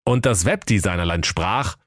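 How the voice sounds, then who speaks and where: Deep-voiced man narrating a comic fairy tale. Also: lively intonation, moderate pace, fairly bright tone, dry recording, studio quality. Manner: mock-solemn storytelling.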